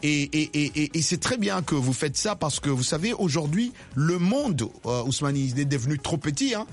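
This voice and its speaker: A man hosting a radio call-in show, animated and teasing, often repeating himself. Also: on the high side, normal speed. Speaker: radio host. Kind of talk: lively radio call-in chat.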